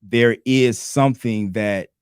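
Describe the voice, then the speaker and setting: A man co-hosting a podcast, talking in a relaxed, conversational way and often adding "you know what I'm saying.". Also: mid-range voice, slow, smooth, no room sound, clean studio sound. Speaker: podcast co-host. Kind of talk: casual debate talk.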